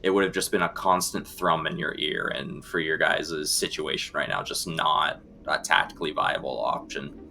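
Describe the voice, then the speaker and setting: Deep-voiced man narrating as game master. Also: gravelly, bright, forceful tone. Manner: descriptive, deliberate scene-setting. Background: background music.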